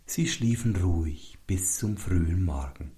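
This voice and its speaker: Slow, lively male fairy tale narrator. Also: sits low. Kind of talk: scripted narration.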